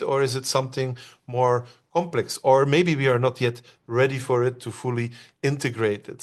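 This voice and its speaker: Belgian guy running a webinar, chatty, lots of uhs, mid-pitched voice. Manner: conversational, many "uh" pauses, asks the audience questions. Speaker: presenter. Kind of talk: online webinar presentation.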